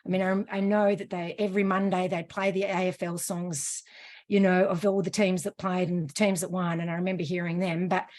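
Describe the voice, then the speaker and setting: An Australian woman, a running coach, talking as a guest in a relaxed, self-deprecating way. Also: fairly low pitch, fairly quick. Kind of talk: casual interview chat.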